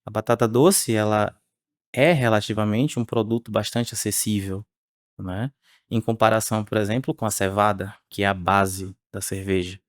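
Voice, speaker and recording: A man in his thirties talks as a guest on a podcast. His voice sits low, and he explains in a measured way, often ending phrases with tag questions. The recording is close and dry, with no room sound. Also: fairly even intonation, no echo. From Salvador, Bahia, Brazil. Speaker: researcher guest. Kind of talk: podcast interview.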